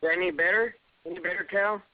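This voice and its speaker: Guy calling in, phone held away, tinny line cutting out, kinda high voice. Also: fairly even intonation, quick pace, no echo. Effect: phone held away, breaking-up phone line. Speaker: caller on a group call. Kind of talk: casual group discussion.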